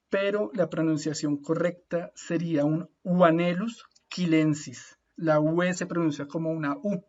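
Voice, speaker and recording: Man, online lecture, slightly high voice, muffled call audio, patient, checks in often. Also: a little mellow. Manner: slows down to spell out Latin names. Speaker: speaker at an online talk. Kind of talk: informal lecture. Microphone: video call audio.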